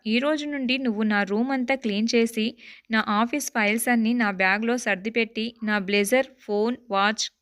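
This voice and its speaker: A man's voice: very high voice, fairly bright tone. A woman voicing a cool, sarcastic young male boss who mocks and orders his employee about. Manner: mocking, curt, unbothered.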